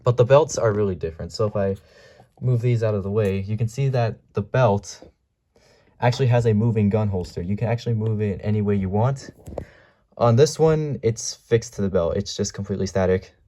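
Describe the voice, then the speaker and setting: A man's voice: fairly low pitch, fairly quick. A man giving a casual product comparison as a toy reviewer. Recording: mellow home recording, faint noise.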